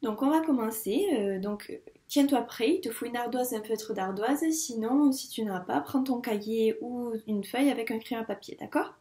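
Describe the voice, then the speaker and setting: A woman teaching first grade, running a dictation lesson for young children and saying syllables slowly and clearly. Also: fairly high pitch, dark tone. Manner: slow, clearly articulated syllables. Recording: echoey room.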